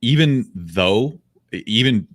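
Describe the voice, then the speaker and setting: A man's voice: fairly low pitch, lively intonation, slow pace, fairly bright tone, no echo, studio quality. A young adult man co-hosting a casual comedy podcast, riffing sarcastically with some profanity. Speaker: podcast co-host.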